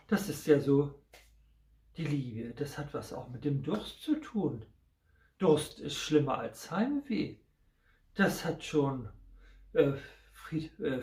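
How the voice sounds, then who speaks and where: An older man with a Low German accent, reading comic poems aloud in a slow, measured way. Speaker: reader. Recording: roomy echo.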